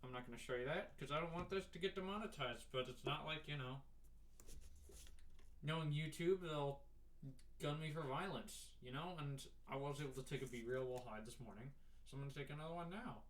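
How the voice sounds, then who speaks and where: A young man hosting a casual solo podcast, talking in a rambling, halting way with a sore, numb mouth after dental surgery. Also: on the high side, a little hiss or hum. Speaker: podcast host.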